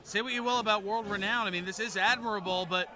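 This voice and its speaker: High-voiced male wrestling commentator amid crowd noise. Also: steady tone, quick pace. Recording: noisy event with crowd behind.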